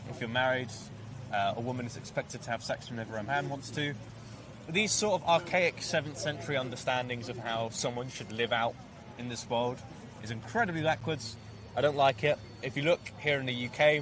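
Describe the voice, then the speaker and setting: A young man argues politics earnestly in an outdoor park, his mid-range voice broken up by small filler hesitations. Traffic and street noise sit clearly behind him. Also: medium pitch. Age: young adult. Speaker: street debater. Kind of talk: political argument.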